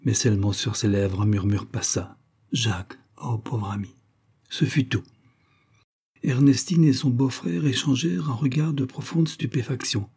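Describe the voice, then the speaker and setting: A man reading a serial novel aloud as an audiobook, with measured, expressive phrasing in short clauses. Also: medium pitch, creaky, husky. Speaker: audiobook narrator.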